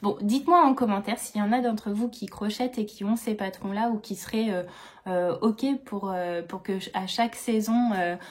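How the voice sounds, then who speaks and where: A woman's voice: mid-range voice, fairly even intonation, moderate pace. A woman in her thirties chatting casually about her knitting and crochet projects, rambling with many hesitations. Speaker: knitting vlogger. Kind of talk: casual chat.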